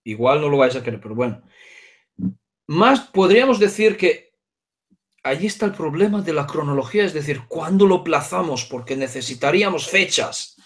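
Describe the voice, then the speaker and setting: A man's voice: fairly high pitch, expressive, moderate pace. A man with a Hungarian accent, a native Hungarian speaker, explaining at length in an interview with many asides and checks on his listener. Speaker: guest speaker.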